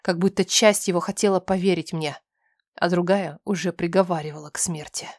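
A woman reading a first-person story aloud with a tense, emotional and often softened delivery. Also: fairly low pitch, fairly even intonation, brisk, no room sound, clean studio sound. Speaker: audiobook narrator.

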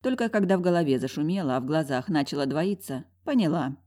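A woman's voice: deep voice, lively intonation, quick pace, dark tone. A woman narrating a first-person story in a wry, confiding, rueful way.

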